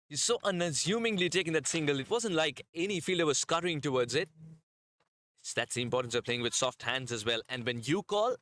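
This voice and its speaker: A man calling a cricket match live, breaking down tactics and bowling in long, analytical explanations. His voice is bright and forceful, recorded close and dry with no room sound. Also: medium pitch, no echo. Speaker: cricket commentator.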